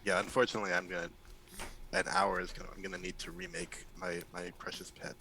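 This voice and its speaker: A man's voice: low voice, big pitch swings, fast, creaky, bright, forceful tone, a little hiss or hum, poor audio. A man talking casually as a player in a tabletop game.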